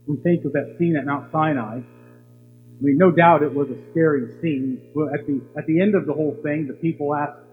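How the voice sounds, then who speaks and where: A man's voice: fairly high pitch, fairly even intonation, moderate pace, soft background music. A man preaching a sermon as a pastor, teaching with rhetorical questions. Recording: tinny, hall reverb, faint hum.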